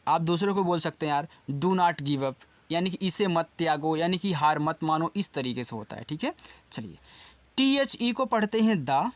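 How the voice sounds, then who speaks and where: A man's voice: a little high, animated, no echo. A man with a Hindi accent teaching an English lesson in a casual way, spelling each word out letter by letter and repeating it. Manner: slow, spells words letter by letter and repeats them.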